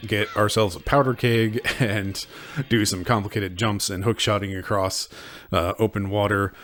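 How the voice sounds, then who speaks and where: A man hosting a casual video game playthrough, commenting in a halting, wry way. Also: deep voice, fairly bright tone. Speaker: gamer, host. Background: game music.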